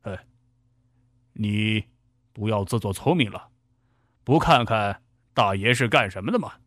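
A menacing male robber holding a knife, voiced by a man, speaking low and cold. His threats come out in a lively, dry-sounding delivery. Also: normal speed, dry recording, close to an everyday voice.

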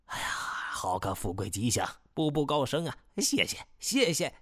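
A man's voice: fairly low pitch, very animated, heavily acted. A man voicing a vain, pompous male police chief who speaks in a smug, officious way. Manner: smug, officious, drawn-out speech.

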